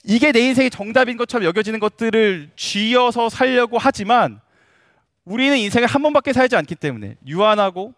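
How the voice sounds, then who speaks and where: A man's voice: very high voice, lively intonation, brisk, fairly bright tone, no echo, clean studio sound. A man in his thirties, a pastor, preaching a sermon, asking his listeners questions and laughing lightly now and then.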